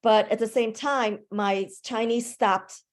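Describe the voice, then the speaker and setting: Over a video call, a woman language instructor who is a native English speaker leads a conversational online class discussion. Her voice is fairly high with fairly even intonation, and she comes across as thoughtful and a little halting, with a few restarts.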